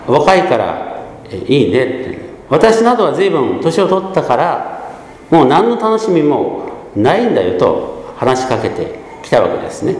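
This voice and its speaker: A pastor in his fifties from Gunma gives a measured sermon, pausing often with soft hesitations. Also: mid-range voice, reverberant, long reverb tail, a little hiss or hum, low-quality recording. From Gunma, Japan. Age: 50s.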